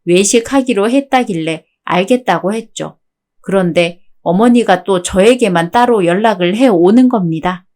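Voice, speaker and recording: A woman narrating her own story in a calm, matter-of-fact way, as the wife in a radio drama. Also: mid-range voice, moderate pace.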